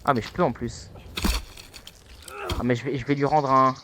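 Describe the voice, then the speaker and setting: A young man giving casual let's-play commentary, taunting and excitable, with sudden high-pitched yelps. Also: normal speed, noisy background. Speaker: gaming youtuber.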